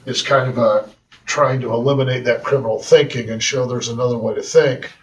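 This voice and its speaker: A man's voice: mid-range voice, fairly even intonation. A man, a public defender, speaking earnestly at a county meeting, often restarting his sentences. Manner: earnest, halting with repeated restarts. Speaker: drug court public defender. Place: county council chambers. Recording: roomy chamber audio from far mic.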